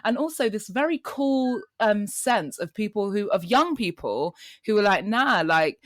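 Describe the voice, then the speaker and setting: A woman born in Kenya and raised in London, interviewing in a relaxed chat, laughing often and agreeing with her guest. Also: mid-range voice, a little slow, a little hiss or hum. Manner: warm listener, laughs often, frequent agreeing "yeah". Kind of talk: casual conversation.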